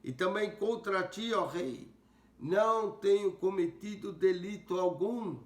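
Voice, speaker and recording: A male pastor voicing an ancient prophet who answers a king slowly and reverently. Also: high voice, pitched above the performer's own voice. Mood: solemn. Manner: slow, solemn, reverent. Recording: roomy echo.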